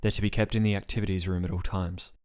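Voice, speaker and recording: A man reading the part of a calm, rule-bound woman doctor in a storybook reading. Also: sits low, quick pace, close to an everyday voice. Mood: placating.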